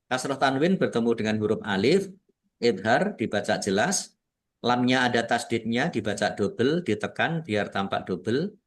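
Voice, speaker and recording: A man from Indonesia with a medium-pitched voice and lively intonation gives a tajwid lesson at a moderate pace, patiently explaining each Quran recitation rule and drawing out the words as he recites slowly.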